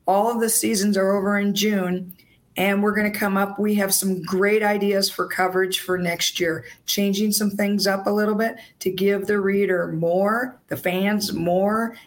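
A woman sports reporter, hoarse with laryngitis, talking casually and earnestly on a podcast in a halting way. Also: mid-range voice, fairly even intonation.

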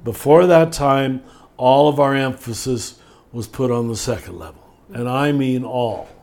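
This older man has a gravelly, somewhat mellow voice at medium pitch. As a spiritual teacher in a podcast conversation, he's measured and reflective, slowing to emphasize key words.

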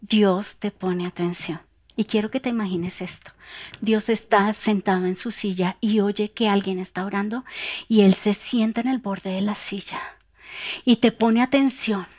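A young woman preaching a sermon, telling stories animatedly and swinging between loud bursts and soft near-whispers. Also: mid-range voice, fairly even intonation, measured pace.

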